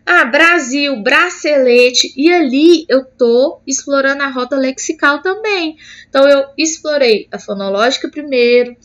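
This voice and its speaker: Woman, teacher-trainer type, high clear voice, patient and instructive. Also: moderate pace, dull audio. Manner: didactic, addresses teachers directly, acts out classroom examples. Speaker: teacher explaining reading methods. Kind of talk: educational explainer video.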